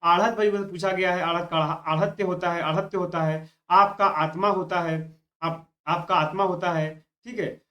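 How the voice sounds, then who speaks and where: A man's voice: sits high, steady tone, moderate pace, pushed and bright. A man teaching an online exam-prep lesson, often repeating key words and telling students to note them down. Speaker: Hindi exam tutor.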